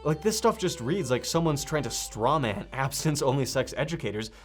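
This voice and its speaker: A man's voice: medium pitch, lively intonation, fairly quick. Sarcastic young man over music. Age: 20s. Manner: sarcastic, swearing. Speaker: video essay host. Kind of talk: commentary video essay. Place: small indoor studio room at a desk. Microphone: close desk microphone.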